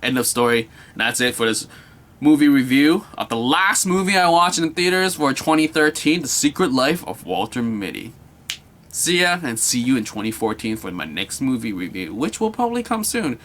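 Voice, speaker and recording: A man's voice: mid-range voice, big pitch swings, moderate pace, a bit bright, a little hiss or hum. A young man giving a casual, enthusiastic movie review, rambling and repeating himself with many filler words.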